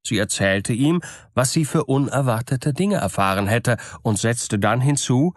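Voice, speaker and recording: A man reading an old fairy tale aloud in a calm, measured storytelling manner. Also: mid-range voice, dry recording, clean studio sound.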